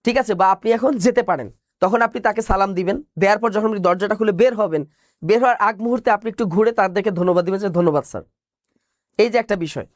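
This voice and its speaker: A man with a high voice teaches an online exam-prep class, going through points one by one, repeating key phrases and answering his own questions. The audio is studio quality with no echo.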